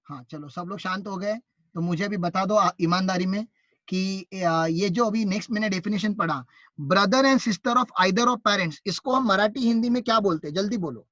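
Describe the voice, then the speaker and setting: A man with an Indian accent teaching an online class, lively and teasing as he quizzes his students. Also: high voice, normal speed, dry recording, muffled recording.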